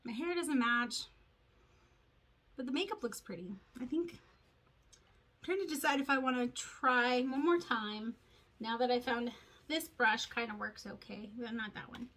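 A woman's voice: fairly high pitch, a little slow, pauses often, a bit bright. A woman chatting casually through a makeup tutorial, rambling and poking fun at herself as she goes. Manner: rambling, self-deprecating, talks to herself. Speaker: beauty vlogger.

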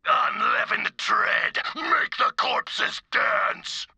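A man voicing a deranged psycho brute in a video game, speaking grandiose, gory nonsense in a harsh gravelly rasp. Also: high voice, expressive, pushed and bright, dry recording, exaggerated voice. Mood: manic. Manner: slow, unhinged, grandiose word salad. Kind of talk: video game character acting.

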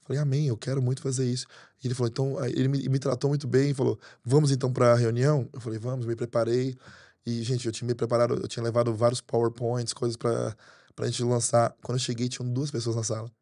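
A man in his thirties from Brazil, a pastor telling stories in a podcast interview, quick and animated, at a desk microphone in a studio. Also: mid-range voice, no echo. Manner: fast storytelling, animated hand gestures. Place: studio with green curtains. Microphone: desk mic on arm.

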